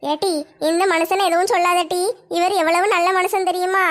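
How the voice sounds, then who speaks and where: Very high shrill voice, flat delivery, bossy scolding village auntie as a woman plays her, cartoon. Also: fairly quick. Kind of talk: cartoon voice acting.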